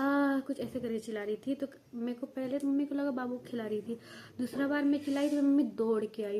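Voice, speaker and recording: A woman's voice: sits high, mellow. A young woman vlogger tells viewers a family story at home, rambling with restarts and coughing now and then. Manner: rambling, many restarts and fillers, talks straight to viewers. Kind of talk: casual vlog storytelling.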